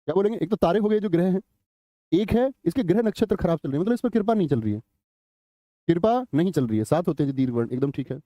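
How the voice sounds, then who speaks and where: A man's voice: sits high, expressive, fast, warm tone, no room sound. A man teaching a live online exam-prep class, chatty, quizzing students and reading their chat comments aloud. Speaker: Hindi teacher.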